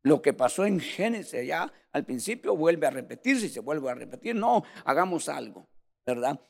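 A man preaching a sermon in a church, animated, often calling his listeners "brother" and swinging between loud and soft. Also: fairly high pitch, normal speed, gravelly.

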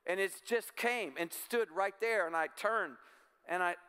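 A middle-aged male pastor delivering an emphatic, exhorting sermon. His voice sits high for a man, bright and crisp, and it rings with the long reverb of a church hall. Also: a little slow. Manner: emphatic, exhorting with repeated calls.

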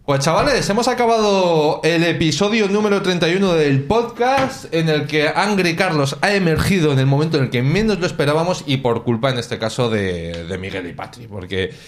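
A man from hosting a podcast, chatting casually in a lively, teasing way. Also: on the high side. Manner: lively, teasing, quick with jokes. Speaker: podcast host. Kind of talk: casual chat.

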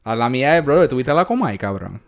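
This man co-hosts a relaxed podcast conversation, speaking fast in a sing-song way at a medium pitch. He has a Puerto Rican Spanish accent, uses plenty of slang, and drops in English phrases.

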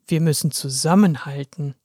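A woman voicing a kindly male ticket inspector, a pen with a moustache, in a low put-on storybook voice that is gruff but encouraging. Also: moderate pace, warm tone, dry recording, clean studio sound. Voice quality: deep put-on voice. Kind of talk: storybook reading.

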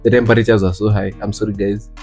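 A man's voice: on the low side, flat delivery, quick pace. A young man with a Kenyan accent hosting a casual chat, questioning his friends and switching between languages with frequent filler words. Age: young adult. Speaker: podcast host posing questions. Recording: background guitar music behind talk.

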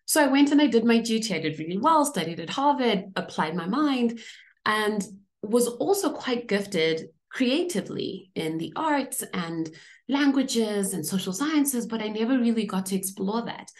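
A Zimbabwean executive coach, interviewed on a podcast, talks about her career at a moderate pace. Her voice sits a little high and sounds animated, and she lays out her points articulately in lists.

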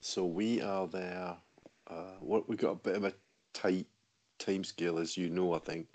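Deep-voiced Scottish man, easygoing. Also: fairly even intonation, moderate pace, a little mellow. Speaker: podcast guest. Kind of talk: casual chat.

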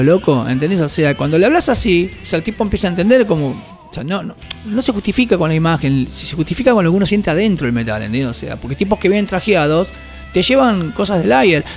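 A man in his fifties with an Argentine accent, a record shop owner telling animated, slangy anecdotes in an interview. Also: high-pitched. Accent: Rioplatense Spanish. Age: 50s. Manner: animated anecdotes, slangy, acts out quoted voices. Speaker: guest, record shop owner and metal musician. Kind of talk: casual storytelling interview.

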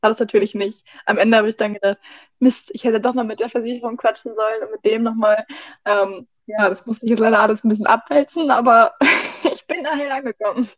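A chatty woman in her twenties talks as a podcast guest. Her voice sits a little high. It sounds dry and close to the mic. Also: fairly even intonation, brisk, dry recording. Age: 20s. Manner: chatty, cheerful storytelling. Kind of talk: casual podcast chat.

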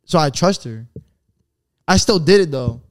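High-voiced young frat-bro guy. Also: expressive, measured pace. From Brazil. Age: young adult. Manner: frat-bro talk, slangy and boastful. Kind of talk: casual podcast banter.

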